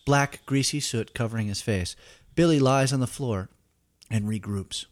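A man narrating a scripted story as podcast host, in a wry, theatrical, deliberate manner. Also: mid-range voice, dry recording, studio quality.

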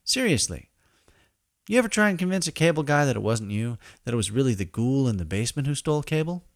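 A man's voice: medium pitch, big pitch swings, quick pace, no room sound, studio quality. A man hosting a storytelling podcast, narrating scripted comic tales in the first person with a wry, mock-solemn, theatrical delivery.

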